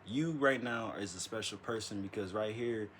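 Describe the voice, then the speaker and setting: A man's voice: lowish voice, moderate pace, fairly bright tone, a little hiss or hum. Rambling man saying "bro" constantly. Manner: rambling, stammers and restarts, says "bro" constantly. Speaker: vlogger. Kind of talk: casual late-night monologue. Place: dark room at night. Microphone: iPad built-in mic.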